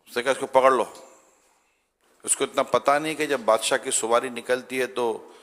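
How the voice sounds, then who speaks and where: A male religious scholar giving a storytelling talk, acting out the characters' voices as he goes. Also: mid-range voice. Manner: animated storyteller who acts out voices. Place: studio. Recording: studio with long reverb.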